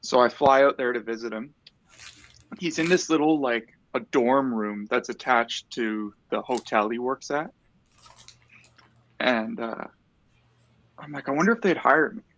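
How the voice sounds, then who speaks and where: A man, chatting casually and telling a relaxed, rambling story with the odd swear word. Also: medium pitch, unhurried, long pauses, lo-fi sound. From Ontario, Canada. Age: 30s. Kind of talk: casual chat.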